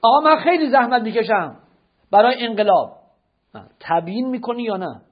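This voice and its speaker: A man teaching about religion speaks in a high, husky voice with lively intonation, challenging listeners through a string of rhetorical questions. The tone is preachy and instructive, captured on a muffled, low-fidelity recording.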